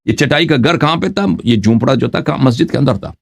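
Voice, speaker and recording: A male religious scholar lecturing at a middle pitch. He reads out passages in a slow, deliberate cadence, then argues his point with firm emphasis. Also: creaky. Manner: quotes texts slowly then explains them, argumentative.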